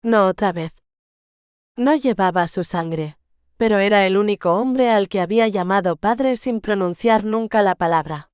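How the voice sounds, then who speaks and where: A woman narrating a romance novel audiobook in a measured, gentle storytelling manner. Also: mid-range voice, clean tone, no room sound, studio quality.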